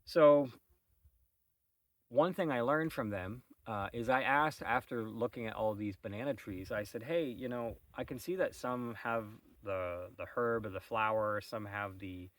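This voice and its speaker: A man's voice: on the low side, unhurried, fairly bright tone, dry recording, distant mic. A man hosting a casual morning vlog, musing and rambling with wry asides while sitting outdoors on a shady farm terrace. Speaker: vlog host.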